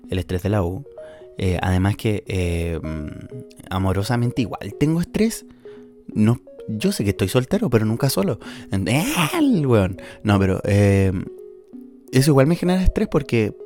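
A podcast host in his early twenties with a Chilean Spanish accent delivers a casual monologue about stress and anxiety over faint music, candid and emotional, swinging between laughter and tears. His voice is lowish and warm.

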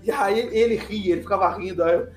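A man's voice: high-pitched, quick pace, a little mellow, echoey room. Man, storyteller type, acts out quotes, faint background music. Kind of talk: animated anecdote telling.

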